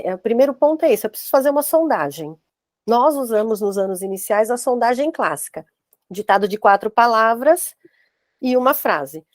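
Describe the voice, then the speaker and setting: A Brazilian woman with a Brazilian Portuguese accent runs an online course for teachers, explaining step by step on a video call and tagging many lines with "né?". Her voice is fairly high with a darkish tone, recorded dry with clean studio sound.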